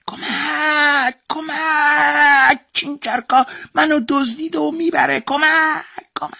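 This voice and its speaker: A man's voice: steady tone, creaky, sharp tone, no echo, studio quality, heavily acted. A man voicing a talking magical golden object that shrieks alarms in a storybook tale. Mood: shrieking. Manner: shrill, shrieking cries.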